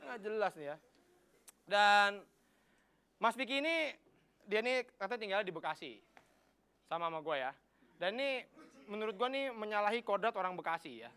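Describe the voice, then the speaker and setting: A young man doing a loud, animated, slangy stand-up comedy set on stage. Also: high voice, moderate pace, pauses often, smooth. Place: stage before a studio audience. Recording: live stage with crowd. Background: audience laughter.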